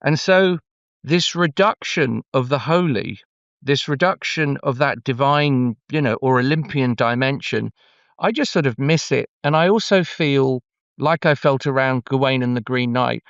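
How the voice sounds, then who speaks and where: A man's voice: medium pitch, unhurried, vocal fry, fairly bright tone, clean tone, no room sound, highs cut off. A man talking conversationally as an oral storyteller, stretching words for emphasis and shifting gear as he goes. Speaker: oral storyteller, interview guest.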